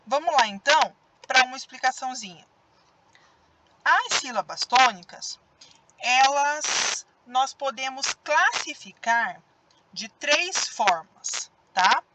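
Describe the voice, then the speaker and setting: Slow, careful Brazilian woman teacher. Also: fairly high pitch, very noisy. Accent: Brazilian Portuguese. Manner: slow, drawn-out stressed syllables when demonstrating words. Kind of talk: recorded grammar lesson for children.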